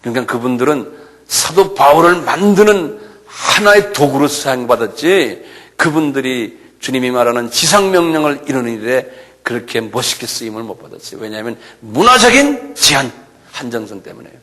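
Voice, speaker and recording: A male pastor preaching a sermon in a church, animated and full of rhetorical questions. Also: medium pitch, moderate pace. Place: church sanctuary.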